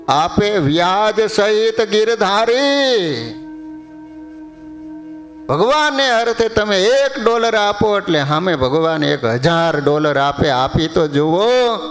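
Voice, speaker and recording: A man preaching a sermon, telling humorous stories and chanting verses slowly. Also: sits high, a bit bright. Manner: storytelling, quotes verses in slow chant.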